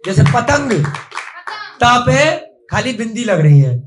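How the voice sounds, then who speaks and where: Slow, high-voiced male teacher in a room. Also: sing-song, roomy sound, music in the background. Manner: slow, patient, repeats and quizzes students. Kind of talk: classroom teaching of script. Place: classroom.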